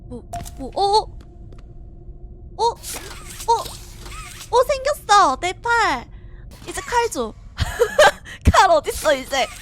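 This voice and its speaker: A woman's voice: very high voice, sing-song, very slow, long pauses, slight background noise. A young woman streaming a horror game, talking herself through it, jumpy and frightened, laughing and shrieking as she plays. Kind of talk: horror game let's play commentary.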